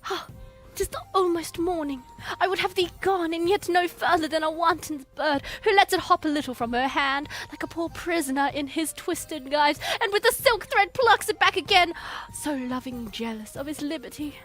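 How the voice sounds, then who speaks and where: High, bright, ardent young Juliet. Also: female voice, normal speed, faint music behind. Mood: lovesick. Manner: impassioned, declamatory. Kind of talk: theatrical Shakespeare dramatic reading.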